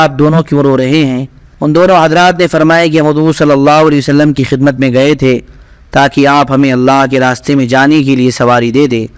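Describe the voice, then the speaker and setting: A man reading aloud scripted narration of religious stories in a steady, even manner. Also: fairly high pitch, clear, resonant tone, no echo. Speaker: reader.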